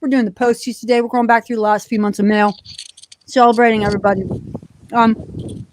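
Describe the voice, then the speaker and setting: A woman's voice: a little high, level tone, a little fast, a little mellow, slight background noise, poor audio. A woman co-hosting a live postcard show, reading mail aloud in casual chat and laughing easily.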